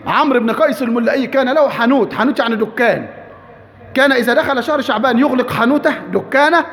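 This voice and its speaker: A man with an Egyptian accent delivers a sermon in a very high, quick voice. He is emphatic, repeats his points and fires rhetorical questions at his listeners. A long reverb trails his voice as if he is in a large hall. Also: a bit bright. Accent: Egyptian Arabic. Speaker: preacher.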